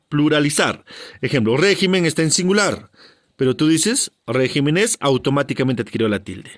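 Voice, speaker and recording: A man's voice: fairly high pitch, fairly bright tone, no echo, studio quality. A male teacher giving a spelling lesson, constantly quizzing with rhetorical questions and short checks for understanding. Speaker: grammar teacher.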